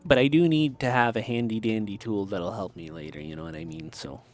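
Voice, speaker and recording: A man's voice: lowish voice, brisk, a little mellow. A man with a lisp chatting casually as he streams a game, rambling and muttering to himself. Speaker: live streamer. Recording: music playing under the voice. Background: background music.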